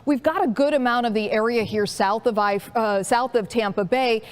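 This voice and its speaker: A woman presenting a live, unscripted weather forecast in an explanatory manner with measured emphasis. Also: fairly high pitch.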